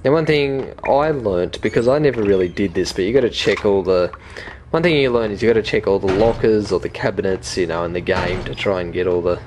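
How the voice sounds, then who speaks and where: A young man hosting a casual let's play, chatty, jokey and excitable. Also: lowish voice, brisk. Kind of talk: casual gameplay commentary. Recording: noisy home recording. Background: game audio.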